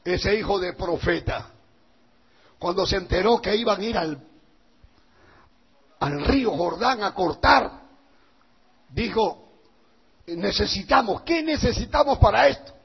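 Male pastor, sermon delivery, very high gravelly voice, fervent. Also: lively intonation, slow pace, pauses often, dull audio. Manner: fervent preaching, swinging from quiet asides to shouts.

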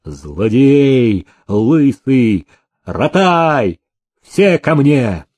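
A man reading an audiobook voices a bold bearded serf who speaks in a steady, booming, commanding voice. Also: extremely slow, full character voice. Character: bold bearded young serf, fearless and stern.

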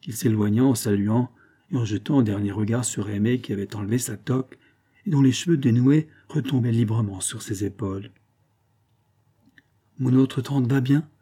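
A man narrating a literary audiobook in a measured, steady reading. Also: fairly low pitch, slightly rough.

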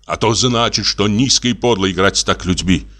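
A man's voice: fairly low pitch, moderate pace, bright, forceful tone. A man reading the part of a bitter, furious middle-aged country doctor, harsh and biting, clipping every word.

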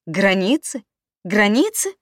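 A woman voicing an abusive young husband who shouts with contempt, in a dry audiobook reading. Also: fairly low pitch, moderate pace, no echo, natural voice. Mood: raging.

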